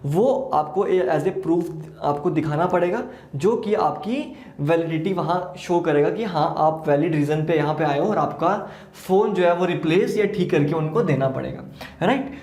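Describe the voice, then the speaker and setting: High-voiced man teaching accounts. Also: moderate pace, a little mellow. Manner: mixes Hindi and English, asks and answers his own questions. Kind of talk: exam-prep lecture. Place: classroom with a board. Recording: echoey room.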